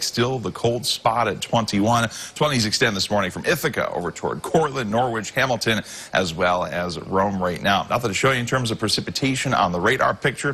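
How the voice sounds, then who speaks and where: Man, meteorologist, steady measured delivery, bright tone. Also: lowish voice, breathy edge. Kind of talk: TV weather forecast.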